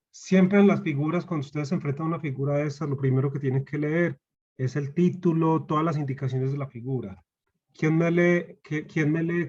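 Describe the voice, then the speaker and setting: A man's voice: a little high, darkish tone, husky, lo-fi sound. A man with a Colombian Spanish accent giving a university lecture over a video call, patiently repeating key points and asking his students questions. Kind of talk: online class lecture.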